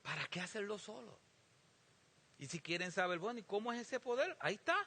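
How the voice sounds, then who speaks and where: A pastor preaching a sermon, asking the congregation emphatic rhetorical questions. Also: male voice, high-pitched, lively intonation, brisk, pushed and bright. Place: church sanctuary.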